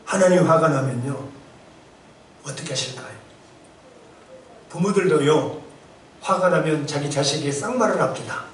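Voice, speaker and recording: A man's voice: on the high side, moderate pace, long pauses, slight background noise. A middle-aged male pastor preaching a sermon, full of rhetorical questions and acted-out outbursts. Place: church sanctuary. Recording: echoey church hall from far off.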